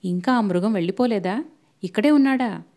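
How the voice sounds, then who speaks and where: A woman's voice: mid-range voice, brisk, close to an everyday voice. A woman doing a furious scolding young woman. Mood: indignant. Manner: shouting, scolding. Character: sharp-tongued young woman, quick to anger.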